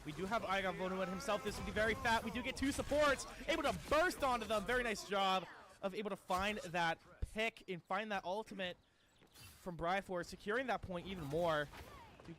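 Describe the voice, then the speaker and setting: A man's voice: high voice, fairly quick. A man casting an esports match as play-by-play commentary, laid-back and chatty, calling people "bro" and "dude" and trailing off with fillers. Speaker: esports caster. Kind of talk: casual play-by-play game commentary.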